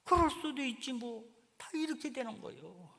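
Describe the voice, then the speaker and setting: A man, a pastor, preaching a sermon in an animated, colloquial storytelling way, acting out little scenes. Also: very high-pitched, moderate pace, creaky. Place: church sanctuary. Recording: reverberant church hall.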